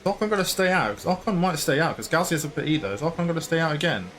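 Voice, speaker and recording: A man's voice: a little high, animated, racing, a bit bright. A man casually commentating his own racing game play, chatty and rambling, sometimes slipping into mock broadcast commentary. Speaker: gaming YouTuber.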